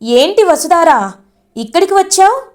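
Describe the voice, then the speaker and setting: A woman's voice: extremely high pitch, big pitch swings, unhurried, voice pushed up, exaggerated voice. A woman voicing an arrogant older mother who scolds and looks down on others. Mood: scornful. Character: haughty scheming older mother.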